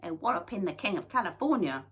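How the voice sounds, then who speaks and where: A woman's voice: lowish voice, very animated, fast talker, husky. A woman voicing a smug, snippy young female creature in a storybook reading. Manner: snippy, scornful.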